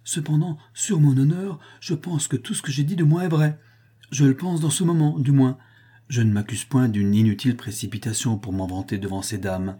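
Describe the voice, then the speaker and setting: A man reading an audiobook and voicing a cheerful, easygoing young gentleman. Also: mid-range voice, normal speed, husky, pitched above the performer's own voice, close to an everyday voice. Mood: jovial. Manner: lively, good-humoured protesting.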